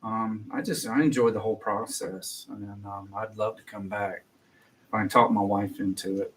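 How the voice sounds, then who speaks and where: A man's voice: on the low side, steady tone, normal speed, a bit bright, poor audio. A man in his thirties, a workshop student, answering hesitantly with many ums in a casual interview.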